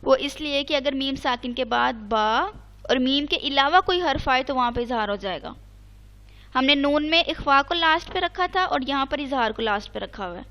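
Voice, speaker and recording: High-voiced woman teaching Quran recitation. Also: expressive, fairly bright tone. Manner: patient, repeats rules and checks understanding; chants Arabic examples slowly. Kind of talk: online tajweed lesson.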